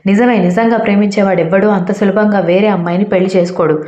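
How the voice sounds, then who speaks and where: A woman's voice: mid-range voice, steady tone, fast, mellow, natural voice. A woman voicing a sarcastic, scolding female inner conscience in a storybook reading. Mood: mocking. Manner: mocking, scolding. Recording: roomy, slightly dull recording.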